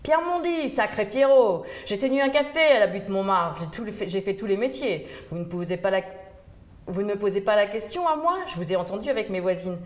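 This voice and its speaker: A woman's voice: medium pitch, lively intonation, fast, lightly acted. A woman voicing a cheeky, streetwise old Parisian woman who talks in brash, salty banter. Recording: roomy echo.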